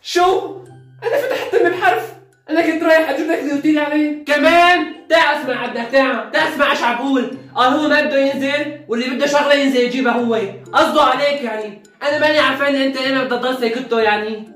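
A woman acting out a shouty family comedy skit, scolding loudly and switching between roles. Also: high-pitched, steady tone. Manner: scolding, loud and quick. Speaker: comedy sketch performer. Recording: echoey room with faint music.

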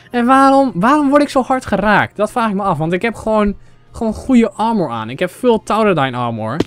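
Young man, gaming commentary, high-pitched voice, excitable, faint game music behind. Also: fairly quick. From Netherlands. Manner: excitable, exclaims in English, chats to viewers. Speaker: gaming channel host. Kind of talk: Minecraft let's play commentary.

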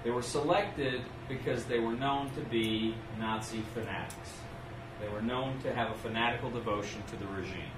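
A man's voice: medium pitch, steady tone, moderate pace, echoey room, noisy background. A man giving a spoken history lecture, explaining and quoting emphatically, repeating phrases for effect.

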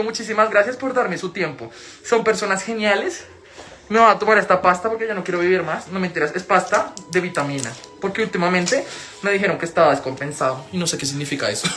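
Young Bogotá-accented man, casual livestream chatter into a phone, profane and animated. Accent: Colombian, Bogotá. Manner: animated, swears a lot, swings into loud high-pitched wails. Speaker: live streamer.

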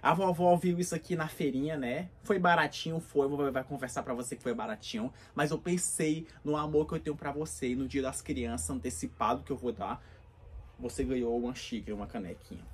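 A man's voice: medium pitch, fairly quick, natural voice. Man as poor grandmother, sentimental, coaxing, comedy skit, faint background noise. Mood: doting. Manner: doting, coaxing, then scolding. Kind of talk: comedic sketch acting.

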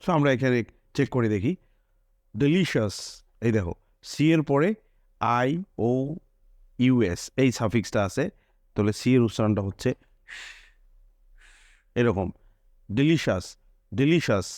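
A man's voice: mid-range voice, moderate pace, pauses often, a little mellow, dry recording, clean studio sound. A man teaching English pronunciation, repeating each example word several times and pointing things out. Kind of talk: spoken English pronunciation lesson.

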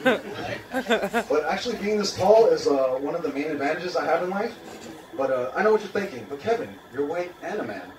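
On a small open-mic café stage indoors, a young Queens comedian speaks at normal speed in a fairly high, sing-song voice, dry and self-mocking, with many ums and uhs. He uses a handheld mic, and the clip is a distant, roomy phone recording from the audience, noisy with laughter and room sound.

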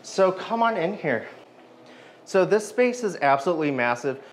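A man in his thirties leads viewers through an empty old house, pointing out details with eager enthusiasm. His voice sits a little on the high side and is picked up close on a lapel mic. Faint music plays quietly beneath him. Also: very animated, moderate pace. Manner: enthusiastic, guiding viewers room to room. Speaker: house tour host. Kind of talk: walking house tour narration.

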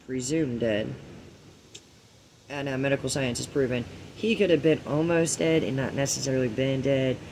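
Gravelly, profane male ranter. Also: mid-range voice, normal speed, a little hiss or hum, rough recording. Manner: swears heavily, swings from hushed murmur to loud outbursts; preachy, rhetorical questions. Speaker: vlogger. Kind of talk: ranting monologue.

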